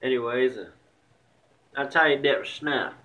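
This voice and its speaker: A man's voice: medium pitch, a little slow, pushed and bright, low-quality recording. A young man with a slight Southern country accent, rambling bluntly and swearing in a casual vlog rant. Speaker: vlogger.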